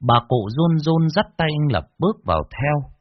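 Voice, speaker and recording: A man narrating a scripted horror story with an expressive, varied delivery. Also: a little high, moderate pace, dry recording, muffled recording.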